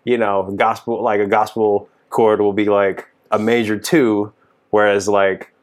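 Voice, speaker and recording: Deep-voiced, laid-back musician from Texas. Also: male voice, measured pace. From Dallas, Texas. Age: 30s. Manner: relaxed, rambling, many fillers like "you know". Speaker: touring keyboard musician. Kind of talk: casual podcast chat.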